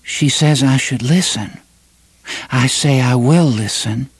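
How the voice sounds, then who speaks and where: A man's voice: mid-range voice, slightly rough, dry recording, voice pushed up. A man doing an entranced young woman's voice. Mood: dreaming. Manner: dreaming, faint, slow.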